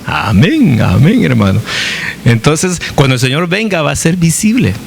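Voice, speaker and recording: A man's voice: a little high, very animated, moderate pace, creaky, slight background noise. A male pastor teaching a Bible study, who asks his congregation questions, answers them himself, jokes and acts out quoted voices.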